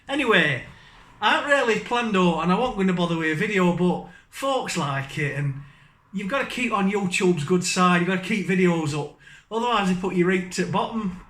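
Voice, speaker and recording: A man's voice: sits high, animated, normal speed, a bit bright, roomy sound. A man with a Northern English accent, a gaming YouTuber giving a blunt, self-mocking comic rant to camera that keeps drifting off topic.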